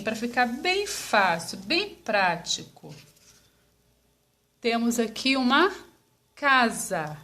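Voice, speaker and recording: A woman teacher with a Brazilian Portuguese accent, giving a slow lesson to young children and sounding out each syllable patiently. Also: a little high, a bit bright.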